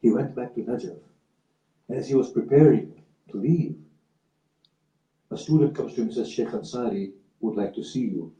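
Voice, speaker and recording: A man giving a sermon, speaking in a measured, slow and emphatic way and telling a story. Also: medium pitch, lively intonation, warm tone. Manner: measured, slow emphatic delivery with rising passion in quotes. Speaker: religious speaker. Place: community centre hall. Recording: roomy hall from far off.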